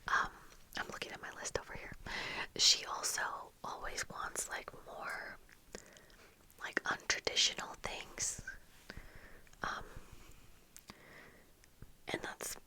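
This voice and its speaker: This low-quality recording captures a young adult ASMR creator in a small bookshelf-filled room at home, chatting casually as she gets ready. She speaks in a soft, breathy whisper close to her fluffy-covered mic, which she monitors on earphones, and she rambles in an unhurried way.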